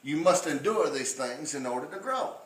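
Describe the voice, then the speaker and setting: A man preaching a sermon in a church, rising to fervent shouting with drawled fillers. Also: a little high, animated, normal speed. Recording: echoey room heard from a distance.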